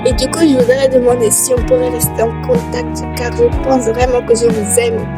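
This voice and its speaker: A woman's voice: a little high, flat delivery, normal speed, loud music behind the voice, natural voice. A woman voicing a smitten young female admirer who speaks shyly and earnestly.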